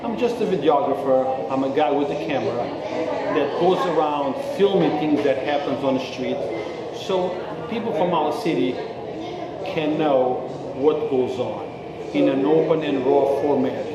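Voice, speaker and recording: A man's voice: on the high side, unhurried, heavy background noise. A man from Mozambique, a street videographer, earnestly explaining himself in a casual interview, often checking in with "okay?". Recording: very echoey room with crowd chatter.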